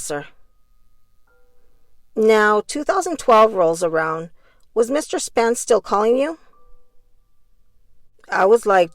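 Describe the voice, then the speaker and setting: A woman's voice: mid-range voice, no echo. A woman reading out courtroom testimony in question-and-answer form.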